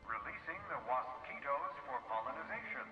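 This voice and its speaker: An actor voicing a cheerful male orchard announcer over a factory loudspeaker, speaking in a formal, upbeat way. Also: medium pitch, animated, moderate pace. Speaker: public address announcer. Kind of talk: video game voice acting. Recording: distant, echoing, muffled loudspeaker with music.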